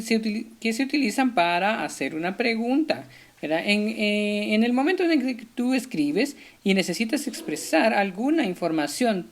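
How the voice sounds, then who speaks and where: A man's voice: high voice, a bit bright. A man, a primary school teacher, giving a friendly video lesson to children, speaking to the pupils directly with frequent hesitations.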